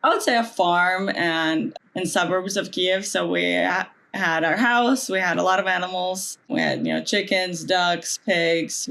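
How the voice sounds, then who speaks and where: A woman from Ukraine, chatting as a guest in an interview, animated and full of fillers. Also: lowish voice, creaky. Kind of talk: casual interview talk.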